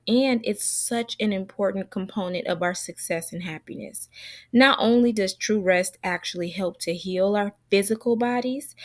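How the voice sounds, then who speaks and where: Female solo podcast host. Earnest, encouraging, mid-pitched, talks straight to the listener, dry studio-like sound. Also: no echo.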